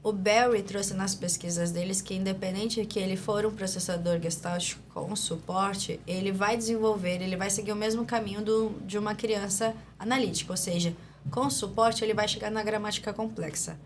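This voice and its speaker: A Brazilian woman speaks as a guest, laying out her points patiently like a teacher. Her voice sits at a medium pitch. A faint hiss runs underneath. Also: moderate pace. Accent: Brazilian Portuguese. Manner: didactic, steady explaining with many fillers. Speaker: speech therapist guest. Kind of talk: explanatory interview talk.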